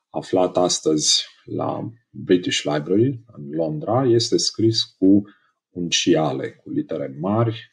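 A man teaching a Greek lesson in a measured, explanatory way, pausing often with hesitations. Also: extremely low pitch, vocal fry. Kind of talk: recorded lesson explaining slides.

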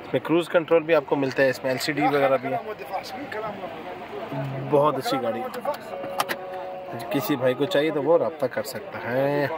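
A man's voice: mid-range voice, fairly even intonation, normal speed, pauses often, rough recording. A man vlogging outdoors at a car market, chatting casually as he shows used cars to viewers. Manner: chatty, salesman-like, talks buyers through cars. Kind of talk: casual walkaround vlog.

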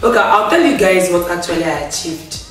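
Seated on a grey living-room sofa, a young adult vlogger delivers a chatty storytime rant to camera, laughing often and gesturing with her hands. Her lowish voice, still recovering after she lost it, sounds far from the mic in a room with strong echo, and faint music runs beneath.

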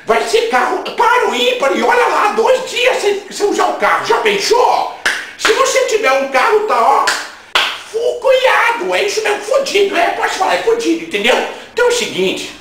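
A man playing a brash, indignant comic radio host, shouting crude, mocking rants. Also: extremely high pitch, huge pitch swings, moderate pace, background noise, heavily acted. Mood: ranting. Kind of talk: comic rant. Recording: very echoey room, voice far from mic.

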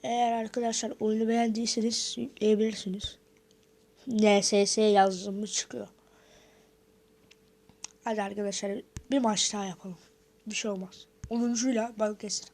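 A woman's voice: medium pitch, steady tone, normal speed, long pauses, a little mellow. A woman giving casual gameplay commentary, talking to viewers and muttering reactions as she plays. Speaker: gaming video host.

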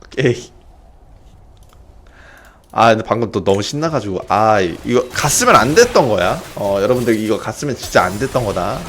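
A young man streaming a video game, giving excited casual commentary, often yelling and swearing during fights. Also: fairly low pitch, normal speed, long pauses, a little hiss or hum. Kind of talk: excited live gameplay commentary.

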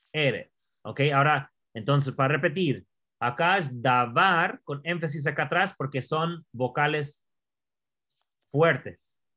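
Slow-talking man teaching a language. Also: mid-range voice, sharp tone. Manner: slow, repeats words, asks the learner questions. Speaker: Hebrew teacher. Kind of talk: patient classroom explanation.

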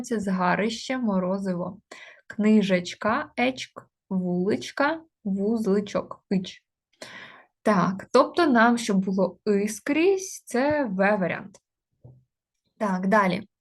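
Leading an online grammar class, a woman in a mid-range voice walks through each point in order, using plenty of hesitation fillers. When she gets to example words, she slows and spells them out.

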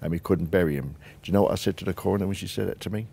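A man's voice: deep voice, rapid-fire, creaky, dark tone, a little hiss or hum. A man with a London accent, a bereaved father, giving a blunt, heartfelt personal account in an interview. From Britain. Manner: blunt, plain-spoken, heartfelt. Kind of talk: emotional personal testimony.

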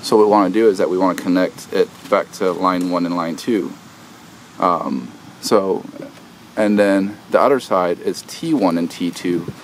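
Low-voiced man explaining a repair. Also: normal speed, a little hiss or hum. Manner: hesitant, many "uh" and "um" fillers, explains step by step while working. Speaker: DIY video host. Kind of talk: casual how-to explanation. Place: outdoors at an air conditioner unit.

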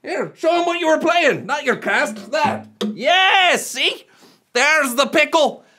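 A man's voice: very high voice, animated, slow pace, pushed and bright, faint music behind, exaggerated voice. A man playing a boastful Scottish rapper in a kids' church comedy sketch, with a put-on Scottish accent and hammy, jokey patter. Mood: cheerful.

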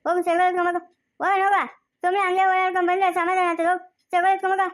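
Woman acting a village housewife, rural Chikkaballapur Kannada accent, very high voice, quick talk. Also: flat delivery. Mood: bustling. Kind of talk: village family skit.

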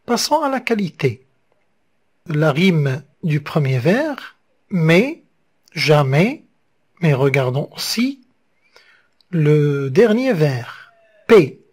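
A teacher, giving a slow, step-by-step French verse lesson and spelling out syllables one by one. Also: medium pitch, big pitch swings, darkish tone, breathy edge.

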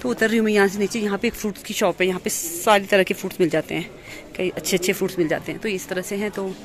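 Walking through a busy outdoor hill-town market, a woman vlogs on a handheld phone, talking casually, repeating herself and correcting herself as she goes. Her mid-range voice is steady and quick. Crowd chatter and busy street noise fill the background.

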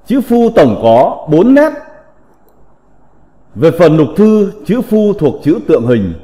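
A man teaching a slow recited vocabulary lesson, reading in a deliberate, measured way with drawn-out syllables. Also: high-pitched, sing-song, dark tone. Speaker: teacher of classical characters. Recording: long reverb.

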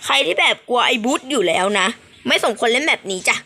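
A young woman giving playful, animated commentary while playing a mobile game, often squealing with excitement. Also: fairly high pitch, quick pace, background noise. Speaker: gaming streamer.

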